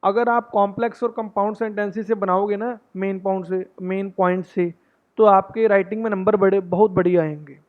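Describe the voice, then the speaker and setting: A man teaches test tips in a fairly high voice. He reads each point slowly, then talks it through in a relaxed way. The sound is thin and tinny, as if over a phone line. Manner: reads English points slowly, then explains them in casual Hindi. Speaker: English test tutor. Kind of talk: explaining exam tips, reading slowly then explaining in Hindi.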